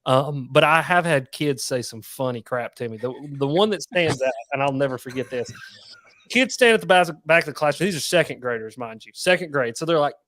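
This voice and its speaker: A man's voice: mid-range voice, a little fast, dry recording. A man, a former elementary school teacher, telling funny stories in casual podcast chat and acting out the quotes. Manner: animated storyteller, acts out quotes.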